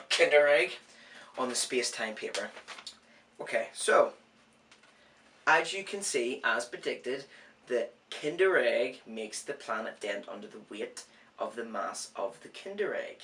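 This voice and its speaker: A man with a mid-range, bright, forceful voice hosts an educational science series, and he can't say R clearly, saying w instead. His informal explainer is part scripted, part ad-libbed, full of self-mocking, rambling asides. He's far from the mic, with a little hiss or hum.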